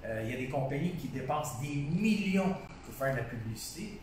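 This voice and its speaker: A man's voice: fairly high pitch, animated, a little fast. A man with a Québécois French accent speaking casually and enthusiastically in an interview, often repeating himself and restarting his sentences. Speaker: painter being interviewed. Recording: distant echoey room sound with faint noise.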